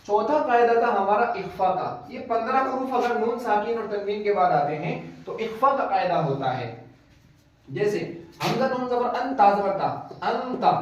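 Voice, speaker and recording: A man with a Pakistani Urdu accent gives a Quran recitation lesson, spelling out letters patiently and reciting examples slowly. His voice sits high and sounds distant. The recording is dull and lo-fi, with heavy room echo. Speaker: online Quran tutor. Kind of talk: tajweed lesson explaining rules with recited examples.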